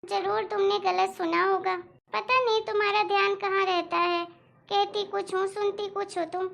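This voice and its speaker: Cartoon mother-in-law, older and whiny, always blaming, very high gravelly voice, a woman voices her. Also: flat delivery, normal speed, a bit bright, full character voice. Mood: scolding. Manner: nagging, complaining, blames others. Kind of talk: animated cartoon voice acting.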